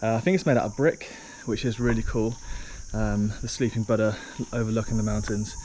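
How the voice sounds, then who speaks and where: A man's voice: on the low side, fairly even intonation, a little fast, dark tone. A man narrating his travel vlog outdoors in a chatty, rambling way, full of ums, into a handheld camera. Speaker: travel vlogger. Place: outdoors on a rock trail. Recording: outdoor noise with insects and crickets.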